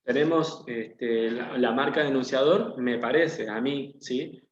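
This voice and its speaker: Speaking a little slowly at an even pitch, a man teaches an online class and takes his students through every example with patient questions. His muffled voice echoes in a dull room, and faint typing can be heard behind him.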